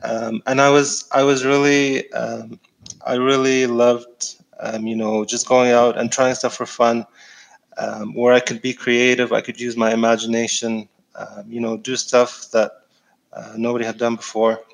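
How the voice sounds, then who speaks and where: A middle-aged man from Egypt, a guest in a casual interview, talking in a relaxed way with many fillers and restarts. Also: medium pitch, a little slow, vocal fry, low-quality recording.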